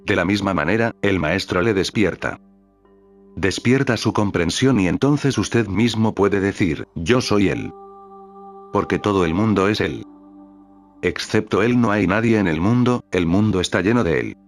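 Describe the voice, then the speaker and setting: A man reading a spiritual teacher's talks aloud in a calm, measured way, voicing the questions and stage directions too. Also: deep voice. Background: faint background music.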